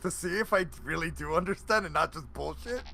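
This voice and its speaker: A man's voice: fairly high pitch, brisk, vocal fry, sharp tone. A man playing a tabletop game, playful and joking. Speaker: player. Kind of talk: tabletop role-play chat.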